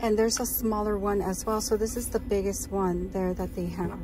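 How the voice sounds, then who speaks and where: A woman's voice: mid-range voice, fairly even intonation, normal speed, over music, poor audio. A woman talking chattily and with enthusiasm as she shows off her purchases in a casual vlog, recorded while sitting on her bed. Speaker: vlogger.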